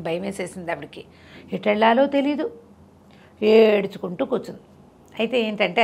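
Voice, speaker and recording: A woman storyteller telling a folk tale in a lively, chatty way, with asides to her listener. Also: a little high, vocal fry.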